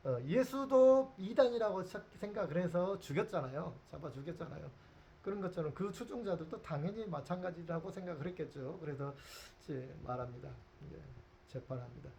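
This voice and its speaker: A male pastor delivering a lively storytelling sermon, his voice sitting a little high for a man. He acts out the scene and keeps asking the congregation questions. A faint hiss of background noise hangs under the recording. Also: brisk, gravelly.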